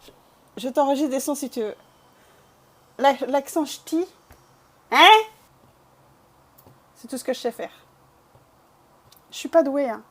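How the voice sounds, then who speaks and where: A woman's voice: sits high, moderate pace, long pauses, mellow. A woman from Bresse in eastern France chatting casually with her live-stream viewers, self-deprecating and talkative. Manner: chatty, self-deprecating, talks to chat while painting.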